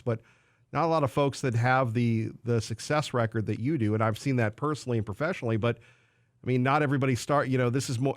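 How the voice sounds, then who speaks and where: A man hosting a morning talk radio show, brisk and upbeat, speaking from a studio mic. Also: medium pitch, no echo. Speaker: radio host.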